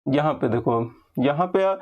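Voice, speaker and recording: Man teaching grammar, slightly high voice. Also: expressive, highs cut off. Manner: explains patiently, repeats points, slows down to spell out example words. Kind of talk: exam-prep grammar lesson.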